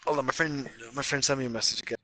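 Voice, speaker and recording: A man cohosting a late-night chat with friends, excitable, playful and giggly. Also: mid-range voice, rapid-fire, slight background noise, poor audio. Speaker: podcast co-host.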